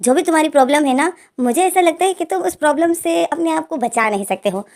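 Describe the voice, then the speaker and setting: Woman playing a teasing young guy, cheeky, high voice. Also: expressive, fast talker, a little mellow. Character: playful teasing young man, mischievous.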